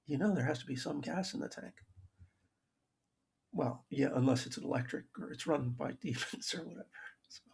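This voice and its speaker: Gravelly, husky male math lecturer. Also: mid-range voice, a little mellow. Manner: dry self-aware humor, frequent restarts. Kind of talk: recorded lecture over slides.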